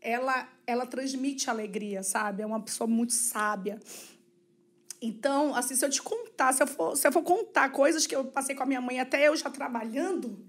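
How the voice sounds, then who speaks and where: A high-pitched woman with a Brazilian Portuguese accent, speaking as a podcast guest. Her telling is earnest and emotional, and she slips into the voices of the people she quotes. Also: normal speed. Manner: acts out quoted dialogue. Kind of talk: personal storytelling in a casual interview.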